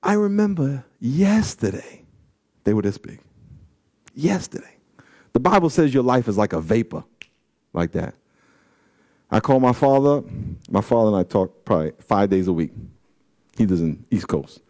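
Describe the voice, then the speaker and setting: A man of forty preaching a sermon, reading scripture and telling stories in a loose, slangy way, swinging from loud peaks to low asides. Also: sing-song, normal speed, pauses often. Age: 40s. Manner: slangy, storytelling. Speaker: pastor.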